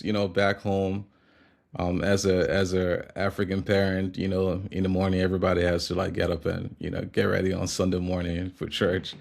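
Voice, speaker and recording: A Liberian man in his thirties, a guest in a conversational interview, speaks in a very low, deep, creaky voice. He's relaxed and reflective, pausing often and using fillers.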